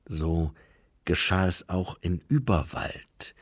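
A man playing a shrewd old monk from a storybook, gruff and calm. He talks low and quietly, slowly weighing each word. The recording is dry and close. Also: dry recording, heavily acted.

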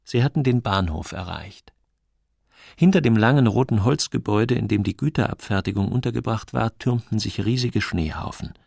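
Guy narrating an audiobook, gravelly, lots of melody, dry close mic. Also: on the low side, moderate pace, a little mellow, no echo. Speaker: audiobook reader. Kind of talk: scripted narration.

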